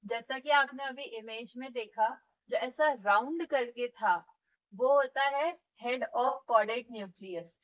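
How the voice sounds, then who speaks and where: A woman with a fairly high voice teaches physiotherapy the way she would in a classroom. She explains each point patiently, one step at a time, and keeps checking in with her students. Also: slow pace, lo-fi sound. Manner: demonstrates movements while teaching. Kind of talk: classroom lecture.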